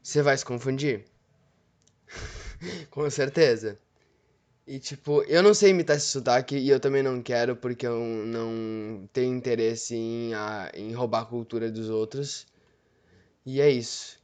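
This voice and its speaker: Male host, mid-pitched, loose and rambling solo delivery. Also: moderate pace, darkish tone. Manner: rambling, informal, self-correcting. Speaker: show host. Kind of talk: casual solo monologue.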